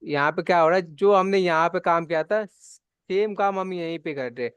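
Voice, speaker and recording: A man's voice: sits high, normal speed, a bit bright, clear, resonant tone, no room sound, highs cut off. A man teaching a live spreadsheet class, explaining steps patiently and checking in often. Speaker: computer class instructor. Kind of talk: live online spreadsheet lesson.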